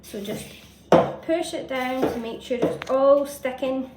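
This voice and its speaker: Echoey high-voiced woman teaching children baking. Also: takes it slowly. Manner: simple, encouraging instructions addressed to children. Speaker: host of a children's baking show. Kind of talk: step-by-step baking demonstration for children. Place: indoor home kitchen. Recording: echoey noisy kitchen, distant mic, utensil clatter.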